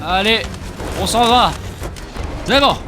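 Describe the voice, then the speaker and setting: A man's voice: high voice, slow, background noise. A man hosting a let's play video, reacting to a horror game with yelps, swearing and running commentary. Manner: excitable, swearing, yelping reactions. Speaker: gaming video host. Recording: gameplay audio with loud music behind.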